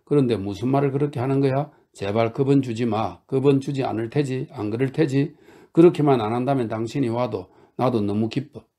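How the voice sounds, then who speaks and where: A man's voice: mid-range voice, fairly quick, mellow, lightly acted. A man voicing a bossy, teasing young woman. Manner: scolding, coaxing, insistent. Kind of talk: audiobook character reading.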